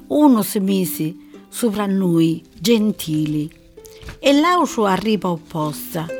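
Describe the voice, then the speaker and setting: A woman with a Sicilian accent giving an expressive, measured dramatic reading of verse. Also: medium pitch. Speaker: reader. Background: faint music.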